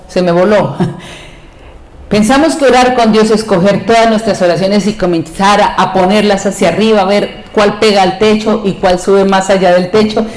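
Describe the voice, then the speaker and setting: A woman's voice: mid-range voice, darkish tone, roomy sound, poor audio. A woman preaching a sermon in a church, impassioned, acting out quoted pleas in a raised voice.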